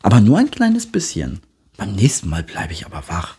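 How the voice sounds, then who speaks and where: A man voicing an excited little girl piglet in a storybook reading, squeaky and eager. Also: moderate pace, gravelly, breathy edge, full character voice. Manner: squeaky, eager and high-pitched.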